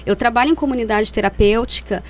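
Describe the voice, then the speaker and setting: A woman with a clearly high voice talks as a psychologist being interviewed. She builds her explanations in a halting way, often rephrasing as she goes.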